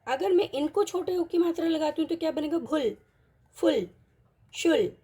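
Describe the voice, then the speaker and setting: A woman teaching an online Hindi lesson, patiently mixing in English words and repeating each example word slowly. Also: very high voice, fairly even intonation, dark tone.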